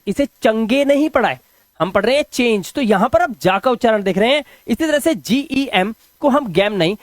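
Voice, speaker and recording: A man's voice: extremely high pitch, dry recording. A man teaching English pronunciation rules in Hindi, patiently spelling out words letter by letter.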